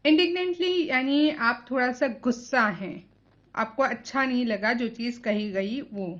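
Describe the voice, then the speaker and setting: A woman's voice: fairly high pitch, a bit bright, highs cut off. A woman teacher reading a novel aloud and explaining it line by line. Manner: explanatory, slow. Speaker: English teacher.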